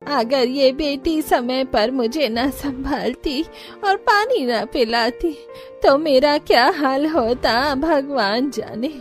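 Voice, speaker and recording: A slow-talking old grandmother. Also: high voice, faint music behind. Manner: slow, gentle and pleading. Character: kindly older grandmother, a bit anxious. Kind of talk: cartoon voice acting.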